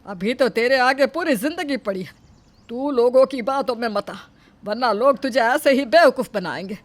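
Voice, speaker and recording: A woman voicing a kind, protective middle-aged mother-in-law in a cartoon story, gently scolding and soothing. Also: on the high side, animated, normal speed, dry recording, lightly acted. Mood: consoling.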